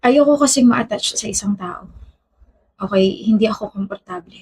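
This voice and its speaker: A woman's voice: mid-range voice, normal speed, breathy edge. A young woman playing a guarded, curt student in a romance drama, speaking terse, cool Taglish. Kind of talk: web drama acting.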